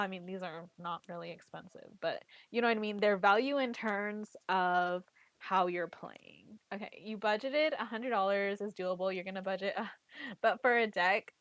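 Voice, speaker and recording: A trading card game player and content creator chats casually about playing a card game, her voice congested as she gets over a cold. She's chatty and leans heavily on "like" and "literally," with a medium-pitched, slightly bright voice and no echo.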